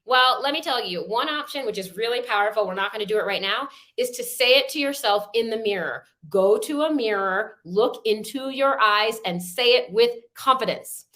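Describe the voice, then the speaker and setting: A woman's voice: on the high side, normal speed, few pauses, a bit bright. A woman leading a workshop over a video call, giving upbeat, encouraging step-by-step instructions. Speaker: workshop facilitator.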